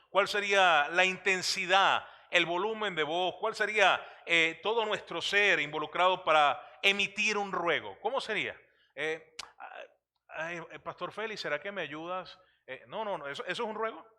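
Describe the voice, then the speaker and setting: A pastor preaching a sermon to his congregation, asking them questions and filling pauses with hesitant sounds. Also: on the high side. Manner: animated preaching with many fillers and questions to the congregation. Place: church.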